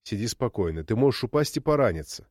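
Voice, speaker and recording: A patient aging husband who soothes with calm, gentle reassurance, his voice lively in pitch, as a man reading a storybook plays him. The sound is close and dry. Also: quick pace, no room sound.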